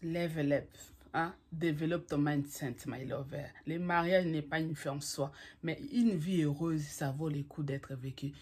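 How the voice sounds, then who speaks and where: Her voice is low-pitched, husky and darkish, steady in tone and measured in pace. This woman vlogger gives relationship advice to camera as a motivational talk, emphatic and repetitive, addressing the viewer as "my lover" and blending French with English phrases.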